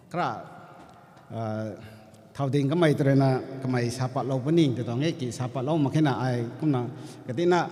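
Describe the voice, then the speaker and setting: A man's voice: medium pitch, darkish tone, long reverb tail. A man working as emcee at a wedding, calling out guests' titles and names one by one. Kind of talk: ceremony announcements. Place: wedding hall.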